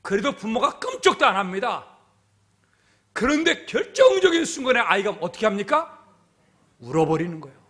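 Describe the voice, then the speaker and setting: A man's voice: high-pitched, wildly swooping pitch, moderate pace, long pauses, sharp tone. A man pastor preaching a sermon in a church, emphatic and full of rhetorical questions. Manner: emphatic, repeats "everyone" and asks rhetorical questions. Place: church sanctuary.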